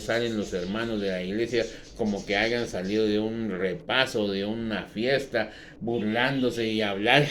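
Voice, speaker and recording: A man preaching a sermon as a pastor, swinging from loud, emphatic outbursts to quieter teaching. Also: lowish voice, a little hiss or hum.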